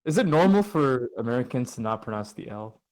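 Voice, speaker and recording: Young male host, casual club podcast, playful, swoops around in pitch. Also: fairly quick, low-quality recording. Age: young adult. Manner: animated, playful, trails off with laughs. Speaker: podcast host asking questions. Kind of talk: casual chat.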